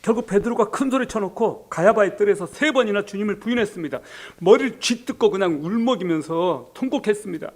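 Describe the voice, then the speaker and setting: Korean pastor with a higher voice. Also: male voice, expressive, fast talker, hardly any pauses. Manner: storytelling, acts out quoted dialogue in a softer, lower voice. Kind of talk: sermon.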